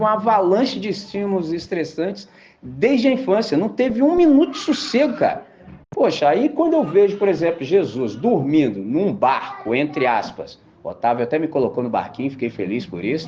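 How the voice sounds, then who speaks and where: A man with a Brazilian accent preaching a lively sermon in an auditorium, talking in casual slang and asking rhetorical questions. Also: high-pitched, slight background noise. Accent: Brazilian Portuguese. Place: auditorium stage. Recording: dull lo-fi sound.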